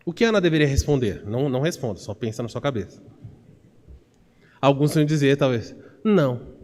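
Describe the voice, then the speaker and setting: A man's voice: medium pitch, expressive, fairly quick, darkish tone. A Brazilian man preaching an expository sermon as pastor, earnest and putting questions to his congregation. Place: church sanctuary. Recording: long church reverb.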